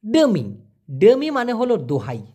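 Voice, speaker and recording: A man whose voice sits high, mellow and breathy teaches vocabulary in an unhurried way, his pitch swinging hugely. As a language teacher, he chats informally, repeating each word and tying it to everyday examples.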